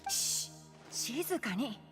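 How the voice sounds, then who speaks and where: Tighnari, a lively, reverberant young botanist. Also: female voice, a little high, takes it slowly, heavily acted. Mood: hushed annoyance. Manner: precise, matter-of-fact, gently scolding. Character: young male fox-eared botanist, bookish, composed, mildly exasperated. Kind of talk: Japanese video game voice acting. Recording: long reverb, game music behind.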